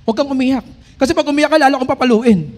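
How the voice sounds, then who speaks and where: High-voiced preaching pastor, man. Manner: preaching with frequent call-and-response to the congregation; reads scripture slowly and loudly. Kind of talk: sermon.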